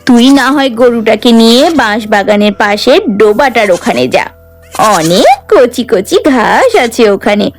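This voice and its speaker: A woman voicing a friendly, practical village neighbor in a cartoon, giving calm advice. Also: a little high, moderate pace, soft background music. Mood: helpful.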